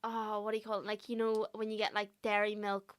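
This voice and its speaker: A woman's voice: medium pitch, monotone, a little fast, no echo. A British woman co-hosting a casual podcast, talking in a rambling, hesitant way full of fillers. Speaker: podcast co-host. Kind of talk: casual chat.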